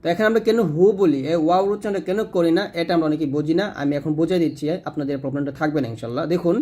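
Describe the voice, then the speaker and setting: A man from Bangladesh with a slightly high voice gives a patient spoken lesson on correct recitation. He breaks off his explanations to recite phrases slowly, stretching the vowels. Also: a little mellow. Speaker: Quran recitation teacher.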